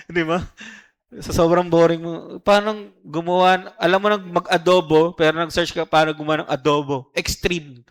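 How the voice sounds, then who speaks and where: Slightly high-voiced Filipino pastor preaching. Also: male voice, steady tone, moderate pace. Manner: conversational, keeps asking "di ba?"; mimics social media influencers. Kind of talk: Taglish sermon. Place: church service.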